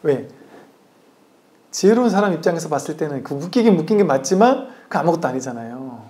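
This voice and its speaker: A man's voice: a little high, expressive, a little fast, warm tone. A man, a Buddhist monk, giving a conversational dharma talk that acts out the voices in his stories and asks the audience questions. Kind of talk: sermon.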